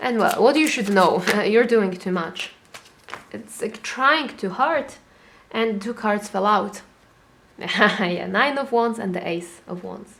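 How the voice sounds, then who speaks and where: A woman's voice: medium pitch, slow, creaky, a little hiss or hum. Chatty woman giving a tarot reading. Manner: chatty, animated, acts out inner voices. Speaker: tarot reader. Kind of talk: casual tarot reading to camera.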